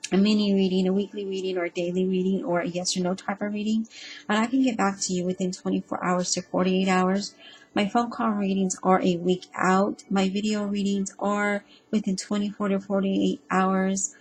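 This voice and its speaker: A woman giving a casual spoken tarot reading, earnest and reassuring, speaking haltingly with frequent ums and restarts. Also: medium pitch, flat delivery, poor audio. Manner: hesitant and halting, with frequent ums and self-repeats; earnest and reassuring, addressing the listener directly. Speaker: tarot reader.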